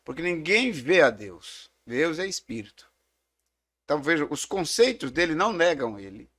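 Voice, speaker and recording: A man's voice: fairly high pitch, big pitch swings, normal speed, a bit bright. A middle-aged man with a Brazilian Portuguese accent, a theology teacher speaking as a guest. He talks in a reflective, explanatory way and tells stories in a casual discussion.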